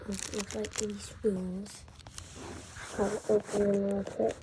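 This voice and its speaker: Slow, flat-voiced woman, breathing heavily. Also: mid-range voice. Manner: heavy breathing between phrases; flat, halting item-by-item delivery. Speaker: fishing tackle unboxing vlogger. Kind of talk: casual hands-on unboxing narration. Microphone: phone held very close, at times in the mouth. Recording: noisy handheld phone with rustling packaging. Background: crinkling packaging, clicks and noise.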